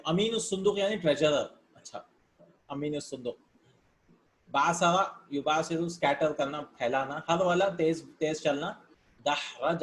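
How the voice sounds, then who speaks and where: In a relaxed lesson on Arabic grammar, a man with a fairly high pitch reads words out and explains them, slipping English terms into his explanations. Now and then he thinks aloud.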